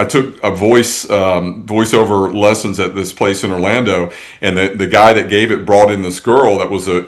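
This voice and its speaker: A man's voice: on the low side, rough recording. A man talking as a tourism industry guest in a casual interview, rambling along with many restarts and fillers.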